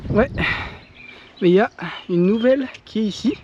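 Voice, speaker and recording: A man with a fairly high voice talks casually to the camera outdoors at a rural property. He explains his renovation work in a loose, chatty manner with the odd swear word. A faint noise sits behind him. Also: normal speed, warm tone, muffled recording. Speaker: home renovation vlogger.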